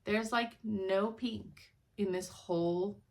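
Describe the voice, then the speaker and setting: Young woman, casual home vlogger, sleepy, rambling, chatty, average pitch. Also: fairly even intonation, takes it slowly. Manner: chatty, rambling, laughs often. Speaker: cross-stitch vlogger. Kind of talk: casual chat.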